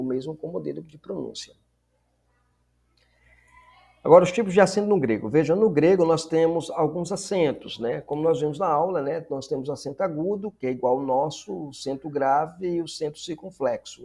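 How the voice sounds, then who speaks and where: Husky man teaching a lesson. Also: on the high side, mellow. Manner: explanatory, repeats words and asks "né?" and "tá vendo?" often. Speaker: Greek teacher. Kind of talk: recorded lesson.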